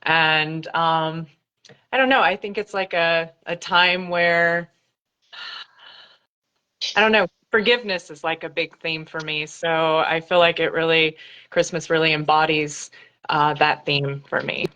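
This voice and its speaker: A woman from North Carolina joins a live chat over a video call, speaking in a fairly low voice with a bright, forceful edge. She pauses to think and giggles between phrases, and the call audio sounds dull and lo-fi. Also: steady tone, clear, resonant tone. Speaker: guest, body talk and IFS practitioner. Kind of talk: casual interview chat. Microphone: remote video call.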